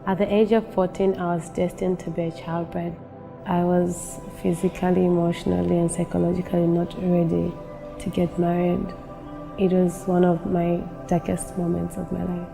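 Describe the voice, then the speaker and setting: A young woman narrates a documentary, earnest and measured. Her voice sits low with a gravelly fry and stays level in pitch, while clear music plays underneath. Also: monotone. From Zambia. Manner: earnest, measured personal testimony. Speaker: narrator, women's advocate. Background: film score music.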